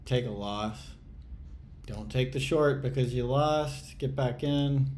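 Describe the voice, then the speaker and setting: Host type, a man thinking aloud over a trading game, muttering and sighing with frustration, mid-pitched. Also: slow pace, darkish tone, a little hiss or hum. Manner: muttering exasperated self-talk, swearing, sighs. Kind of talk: live commentary while playing a trading game.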